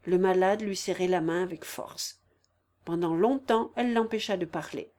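A woman reading a classic novel aloud as an audiobook narrator, in a measured storytelling manner. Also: lowish voice, darkish tone. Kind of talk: scripted literary narration.

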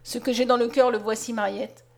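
A woman reading the part of a gentle, sorrowful blind young peasant man in an audiobook, speaking softly and low. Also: steady tone, a little fast, gravelly. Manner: soft, low and tender.

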